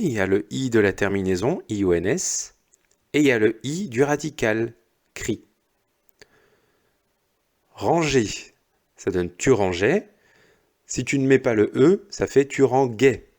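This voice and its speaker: A male primary school teacher going over exercise answers slowly and patiently, one step at a time. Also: fairly low pitch, darkish tone. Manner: slow, patient, explains step by step. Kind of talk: recorded lesson correcting exercises.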